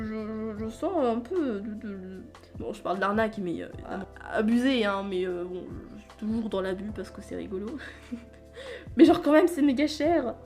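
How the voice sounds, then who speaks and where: A woman chatting casually as a book vlogger, rambling, stumbling over words and laughing at herself. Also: medium pitch. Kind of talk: casual chat.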